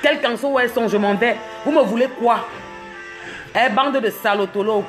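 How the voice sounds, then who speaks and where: A woman's voice: fairly high pitch, normal speed, faint music behind. A woman from Cameroon, ranting on a livestream, mocking and scolding with laughs between jabs. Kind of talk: live social media rant.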